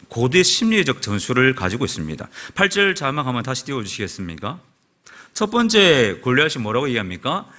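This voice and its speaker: A male pastor preaching a sermon in a church, telling the story in an animated way. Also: mid-range voice. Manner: animated storytelling, acts out quoted shouts. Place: church sanctuary.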